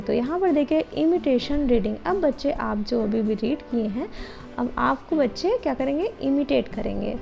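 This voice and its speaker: An Indian woman with a high, gravelly voice walks through a lesson plan, slowing down to read English phrases before explaining. The audio is dull and lo-fi, with music playing behind her. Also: mellow. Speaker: teacher-training tutor.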